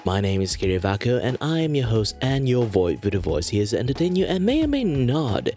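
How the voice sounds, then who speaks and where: A man's voice: mid-range voice, very animated, a little fast, warm tone, faint music behind. A man hosting as a virtual streamer, introducing himself in a casual, rambling, playful and hesitant way. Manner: hesitant, wandering, playful delivery.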